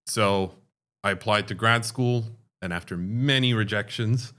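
A man from Dubai, a chemical engineering professor, answering interview questions in a measured, explanatory way. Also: on the low side, a bit bright. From Dubai, Middle East. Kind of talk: conversational interview.

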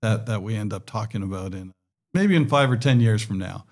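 A man's voice: lowish voice, brisk, darkish tone. A man hosting a podcast, asking questions in a friendly way and often repeating words as he thinks. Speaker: podcast host. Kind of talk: conversational interview.

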